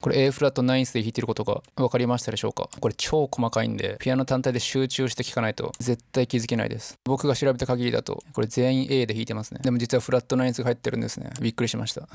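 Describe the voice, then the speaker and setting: A man's voice: mid-range voice, gravelly, a little mellow, no echo. A man giving an enthusiastic, chatty music analysis commentary, breaking down chords between piano demos. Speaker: music explainer. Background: piano and song excerpts.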